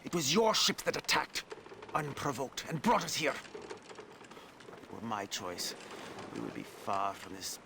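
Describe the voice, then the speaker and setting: An actor playing a proud, indignant captive sailor from Egypt who speaks in a formal, haughty way. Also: male voice, mid-range voice, big pitch swings, a little slow, creaky, pauses often, background noise.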